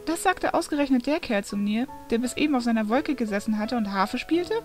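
A woman's voice: on the high side, lively intonation, a little fast, darkish tone, soft background music, lightly acted. A woman reading aloud voices a snappy, angry young male demon, the son of Satan, who scolds and demands answers. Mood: furious.

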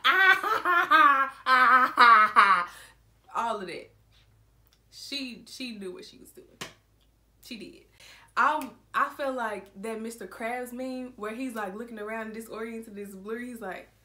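A bright, clear-toned young woman in her early twenties tells a storytime vlog to her viewers. Her voice sits a little high, and she talks in an animated, conversational way, laughing often and calling her audience y'all. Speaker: vlogger.

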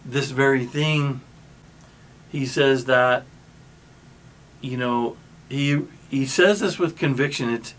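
A pastor delivers his sermon in an unhurried, conversational way, as if telling a story to friends. His voice sits at an ordinary middle pitch for a man, and he often restarts his sentences and pauses mid-thought. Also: a bit bright.

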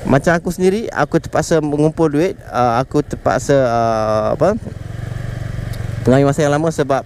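A man's voice: a little high, normal speed, a little mellow. A man with a Malaysian Malay accent vlogging casually while riding a motorcycle through traffic, chatty and often calling his viewers "guys". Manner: chatty, keeps calling viewers "guys", mixes in English words. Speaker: motovlogger. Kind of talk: casual riding vlog chat. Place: outdoors on a moving motorcycle in city traffic. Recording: wind and traffic noise.

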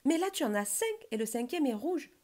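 A woman's voice: high-pitched, sing-song, brisk, darkish tone, pitched above the performer's own voice. A woman voicing a clumsy, eager little male bear cub in a storybook reading.

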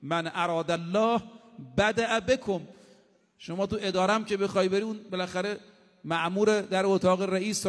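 A male preacher giving a sermon, reciting short Arabic sayings and then explaining them in plain, casual speech, addressing his listeners directly. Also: high-pitched. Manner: addresses the audience directly, with emphatic repetition. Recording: long hall reverb.

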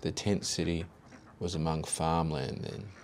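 A man, reading a scripted history narration in a measured, factual way. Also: extremely low pitch, fairly even intonation, a little mellow, slight background noise. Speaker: documentary narrator.

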